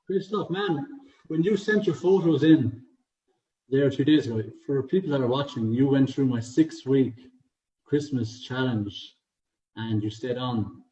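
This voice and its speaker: A fitness coach with an Irish accent hosts a casual livestream interview over an online video meeting, encouraging and full of compliments. His mid-range voice is warm and unhurried, though the audio is muffled, roomy and distant from the mic.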